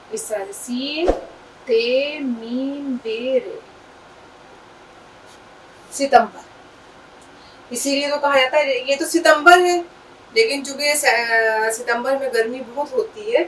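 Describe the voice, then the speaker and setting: A woman teaching an Urdu lesson, patiently explaining and spelling words out letter by letter. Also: high voice. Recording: distant mic with faint background noise.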